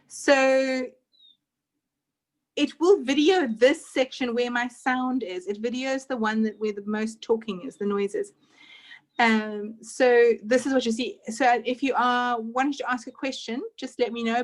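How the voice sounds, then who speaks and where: Young woman, casual online class teacher, rambling and friendly, says "like" a lot, slightly high voice. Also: low-quality recording. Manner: chatty, scattered, says "like" often. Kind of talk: casual chat while teaching a video-call class. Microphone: computer mic on a video call.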